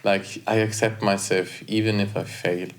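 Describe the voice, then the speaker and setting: A man on a podcast, leading listeners through a guided reflection in a treatment room with earnest, encouraging words that swing from soft to fiery. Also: lowish voice, little pitch movement, moderate pace, slight background noise. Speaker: podcast co-host or guest.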